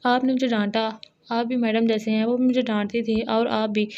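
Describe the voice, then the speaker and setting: Audio novel: childlike teen girl, sulky, read by a woman in a flat, light voice. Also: a little high, moderate pace, muffled recording, lightly acted. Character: childish, innocent teenage girl nearly eighteen. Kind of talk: audio novel character reading.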